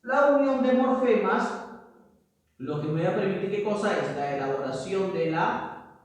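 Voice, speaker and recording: A man's voice: sits high, animated, moderate pace. A man teaching a classroom lecture to students, who keeps checking in with tag questions. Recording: echoey room, far from mic.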